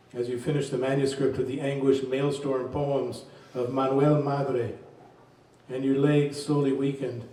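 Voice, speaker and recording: A man reading his poems aloud at a reading event, in a slow, measured voice. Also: medium pitch, a little mellow. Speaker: poet reading his work. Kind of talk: poetry reading. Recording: very echoey room, distant mic.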